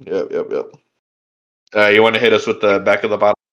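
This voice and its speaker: Bright-voiced young man rambling casually. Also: on the low side, quick pace, dull audio. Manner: rambling, filler-heavy, laughs easily. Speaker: podcast co-host. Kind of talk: casual chat.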